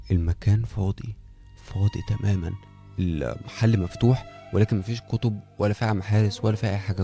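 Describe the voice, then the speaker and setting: A young Egyptian man with an Egyptian Arabic accent, telling a first-person horror story in a casual, animated way and acting out the dialogue. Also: on the low side, gravelly. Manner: conversational, animated, acts out dialogue.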